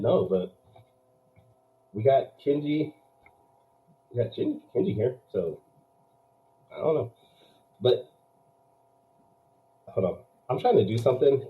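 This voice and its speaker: A man with a somewhat low voice hosts a live podcast, switching between loose chat and a hype-man pitch. His voice arrives squeezed and tinny, as if over a phone line on a low-quality stream. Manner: hype-man pleading, announcer-style intro. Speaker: podcast host.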